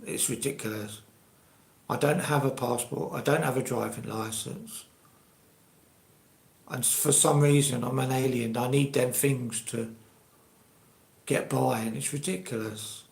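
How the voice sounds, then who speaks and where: A man's voice: medium pitch, fairly even intonation, measured pace, vocal fry, long pauses, darkish tone. A man in his sixties with an English accent, chatting casually and ramblingly as he hosts a live stream. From England. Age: 60s. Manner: rambling, conversational. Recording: roomy, echoey live stream.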